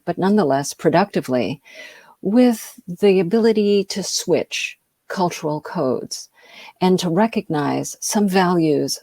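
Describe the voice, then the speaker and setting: This is an informal video-call lecture by a middle-aged American woman invited to speak, who hesitates often with ums and uhs. She has a lowish, dark voice, and the recording has no room sound.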